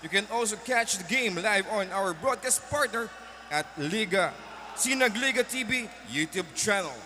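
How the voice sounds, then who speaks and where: A Filipino-accented man announces to an arena in a high, bright voice that swoops widely. His delivery is hyped, shouted and drawn out like a big-event announcer, ringing through long hall reverb. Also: expressive, normal speed, a little hiss or hum. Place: large indoor sports hall over PA.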